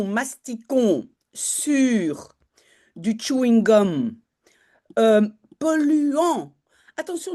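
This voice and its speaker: A woman's voice: mid-range voice, darkish tone. A woman teaching Dutch, talking learners through a news article in a chatty way, with many fillers and self-corrections.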